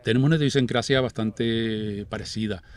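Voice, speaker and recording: Brisk Canarian man telling local stories. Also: on the low side, steady tone. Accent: Canarian Spanish. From Canary Islands. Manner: anecdotal, recounts local memories. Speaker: podcast guest. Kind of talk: casual conversation.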